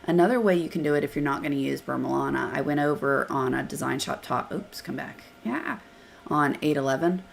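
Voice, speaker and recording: Hosting a live software Q&A, a woman who is sick speaks in a hoarse voice pitched very low and gravelly. She moves fairly quickly, chatting casually and reasoning out loud while clicking through screens, with a faint computer-mic hiss in the background.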